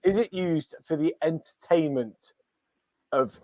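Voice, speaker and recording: A man co-hosting a casual pub chat podcast, excitedly guessing answers and swearing at misses. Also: a little high, unhurried, dry recording, low-quality recording. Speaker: podcast co-host.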